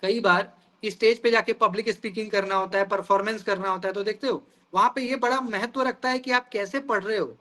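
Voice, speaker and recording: A man's voice: high-pitched, steady tone, fairly quick, pushed and bright. A man teaching a lesson in his terms, explaining ideas through everyday examples and often addressing the class as guys. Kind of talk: classroom lecture.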